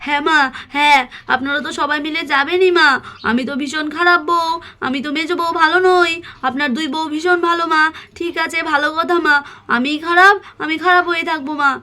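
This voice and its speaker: A woman's voice: sits high, fairly even intonation, normal speed, bright, forceful tone. A woman voicing a hurt young wife in a cartoon story, speaking in an aggrieved, complaining way.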